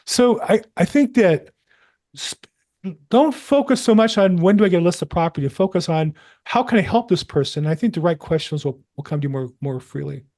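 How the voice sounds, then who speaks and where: This probate coach, a man whose voice sits fairly high, runs a live group video call for real estate agents. His delivery is lively, upbeat and a little fast, peppered with jokes at his own expense, and it sounds like it was picked up by a call mic.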